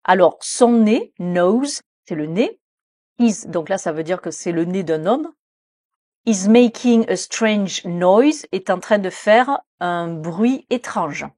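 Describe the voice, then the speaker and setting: Woman teacher explaining english sounds in french, lots of euh, slows down for examples, dry close mic. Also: on the low side, lively intonation, darkish tone, no room sound. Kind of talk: French-language English pronunciation lesson.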